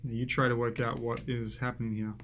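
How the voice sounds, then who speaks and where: A man's voice: mid-range voice, level tone, brisk, a bit bright, a little hiss or hum. A man teaching a coding lesson over a screen recording, chatty and self-amused, thinking aloud as he types.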